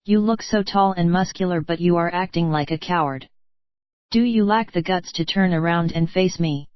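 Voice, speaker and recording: A woman's text-to-speech voice reading the lines of a fierce, jealous noblewoman who scolds and commands, in a low voice on a dull, dry recording. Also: moderate pace, no echo, natural voice. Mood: scolding.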